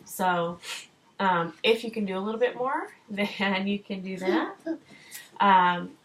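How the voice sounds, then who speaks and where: A woman's voice: medium pitch, slow, slight background noise, low-quality recording. A woman in her thirties giving chatty, encouraging sales advice in a casual home vlog, rambling with fillers and restarts. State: short of breath. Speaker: direct sales consultant.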